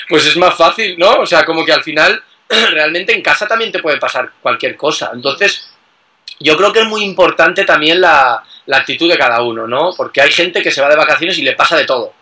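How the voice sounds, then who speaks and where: A man talks in a casual, unhurried way. His voice sits a little high and sounds bright. He fills his sentences with small tag questions. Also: rough recording. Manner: relaxed, many fillers and tag questions. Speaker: guest travel blogger. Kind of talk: casual conversation.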